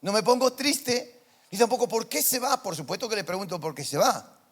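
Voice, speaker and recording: Rioplatense male pastor, high voice, impassioned sermon delivery with big swings in loudness. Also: animated, a little fast. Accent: Rioplatense Spanish. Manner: impassioned preaching, swinging from soft to loud declarations. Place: church.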